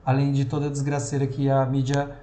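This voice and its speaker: A man's voice: medium pitch, monotone, fairly quick, warm tone, reverberant. A man with a São Paulo accent leading an online training session, talking casually with many fillers and restarts. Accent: São Paulo Portuguese.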